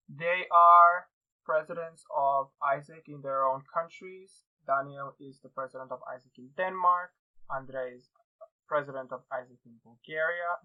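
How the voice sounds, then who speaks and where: A man's voice: on the high side, phone-quality sound. A man from Serbia hosting a casual podcast over a video call, upbeat and joking. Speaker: podcast host. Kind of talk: casual online podcast chat.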